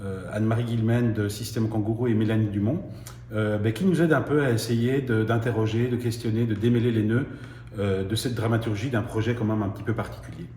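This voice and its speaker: Low-voiced theatre artist man, halting careful answers, roomy sound. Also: steady tone, dark tone. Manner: hesitant, careful, many fillers. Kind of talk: interview testimonial.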